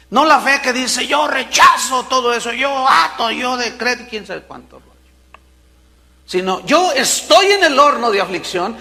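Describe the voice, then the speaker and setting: A high, bright male preacher delivering a sermon in a church hall with a long, ringing reverb. He talks emphatically, slows down for dramatic pauses, then bursts into loud quoted lines. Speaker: pastor.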